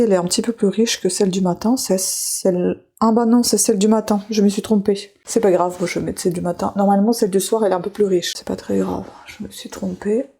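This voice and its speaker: A middle-aged woman, a beauty vlogger, keeps up a loose, chatty conversation with the camera during her evening skincare in a bathroom at home. Her voice is mid-range with a breathy edge, and the mood stays relaxed.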